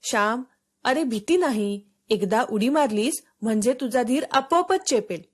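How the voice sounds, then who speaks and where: A woman's voice: on the high side, expressive, unhurried. A woman voicing an eager village boy in a storybook reading, urging his friend on.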